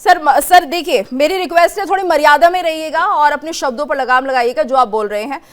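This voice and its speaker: A woman's voice: high voice, fast, a bit bright. A woman anchoring a live TV news debate, firmly pressing her guests with pointed questions and keeping order.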